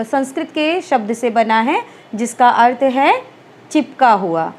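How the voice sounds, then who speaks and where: A woman teaching Hindi grammar for exam prep, explaining step by step and asking and answering her own questions. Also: high-pitched.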